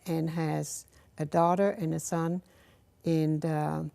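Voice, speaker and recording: An older woman from Germany, married to an army officer, answering interview questions in a hesitant, halting way with many fillers, recorded on a lapel mic in a dark studio. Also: sits low, little pitch movement, gravelly. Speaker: interview guest, officer's wife.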